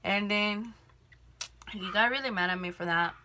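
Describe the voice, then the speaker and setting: A woman's voice: mid-range voice, moderate pace, pushed and bright. A young woman in a casual storytime vlog, rambling through a work story with lots of fillers and swearing, recorded indoors on a camera mic while doing her makeup. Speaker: vlogger telling a work story.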